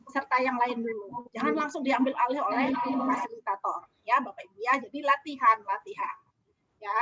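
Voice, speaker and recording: A woman's voice: high-pitched, bright, forceful tone, dry recording. A woman trainer giving chatty feedback to a class over a video call, often asking them questions. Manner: chatty, asks the class questions, laughs easily. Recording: dull lo-fi video call audio.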